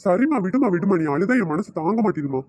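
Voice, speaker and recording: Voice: mid-range voice, big pitch swings, quick pace, a little mellow. Performer voicing a teasing idle young man. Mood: coaxing. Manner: teasing, cajoling. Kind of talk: cartoon voice acting.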